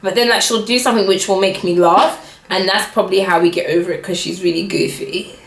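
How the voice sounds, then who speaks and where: Lively young woman, roomy sound. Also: medium pitch, brisk. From England. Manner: animated, laughing, lots of "like". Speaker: vlogger. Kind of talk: casual chat. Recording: roomy echo.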